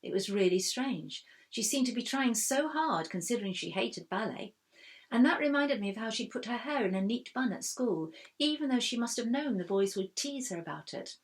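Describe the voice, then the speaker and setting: A woman reading a first-person children's story aloud in a steady, expressive way. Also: fairly high pitch, moderate pace. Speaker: reader.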